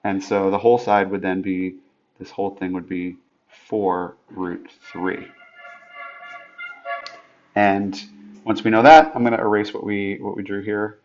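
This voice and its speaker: A man with a lowish voice talks through a geometry problem on a whiteboard screencast, stopping and restarting as he thinks out loud. The sound is dull and lo-fi, as if picked up by a tablet's built-in mic. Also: fairly even intonation, soft background music. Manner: halting, thinks aloud with many restarts and fillers. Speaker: math teacher. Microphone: tablet microphone.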